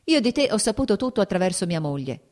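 A woman voicing a calm, successful young male general who speaks in an easy, assured way. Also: mid-range voice, fast, voice pushed up, lightly acted. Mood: friendly.

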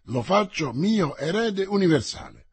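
A hearty, hot-tempered storybook musketeer who bursts out loudly, played by the narrator. The voice is pushed high and swings widely, with a husky edge in a dry, close sound. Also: male voice, animated, unhurried, heavily acted. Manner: loud, blustering outbursts.

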